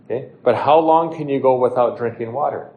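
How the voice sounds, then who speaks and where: A man's voice: medium pitch, fairly quick, phone-quality sound, noisy background. Preaching man in an echoey hall. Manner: preaching with rhetorical questions and scripture quotes. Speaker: pastor. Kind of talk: sermon.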